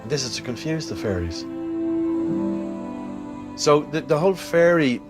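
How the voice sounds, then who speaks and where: A man with an Irish accent telling folklore conversationally, in an unhurried, lilting storyteller's manner. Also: fairly high pitch, lively intonation, over music. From Ireland. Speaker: traditional Irish storyteller, guest.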